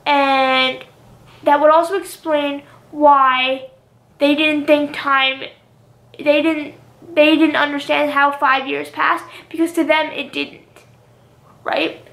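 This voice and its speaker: High, gravelly young woman rambling on camera. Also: flat delivery, takes it slowly, fairly bright tone, reverberant. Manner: rambling, repeats "literally" and "um". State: slightly hoarse from long talking. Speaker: YouTuber. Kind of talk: casual vlog monologue.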